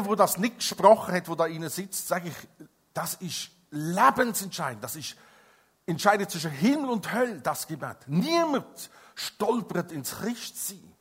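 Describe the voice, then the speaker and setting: Husky, emphatic male preacher. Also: sits high. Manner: emphatic, swings between loud stresses and quiet intimate passages. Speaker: evangelist, preacher. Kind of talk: sermon.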